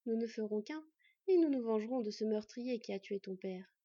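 A woman voicing a cunning male hunter who lures his prey with slow, mocking, honeyed words, in an audiobook reading. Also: on the high side, expressive, mellow, breathy edge, dry recording, lo-fi sound. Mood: coaxing. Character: sly cunning male hunter villain, smooth-talking.

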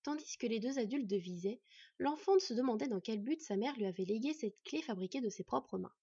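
A woman narrating a fantasy audiobook in an even, measured reading. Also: a little high, breathy edge, no echo, muffled recording.

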